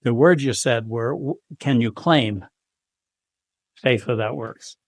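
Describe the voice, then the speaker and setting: On a devotional panel, a man with a medium-pitched voice speaks slowly and earnestly in an informal talk. He quotes scripture with growing emphasis and rising fervor. The recording has no room sound.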